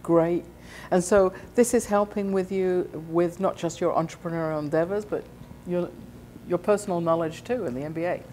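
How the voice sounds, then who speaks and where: A woman interviewing a student, asking questions in a friendly, halting way with many fillers. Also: fairly low pitch, mellow, slight background noise.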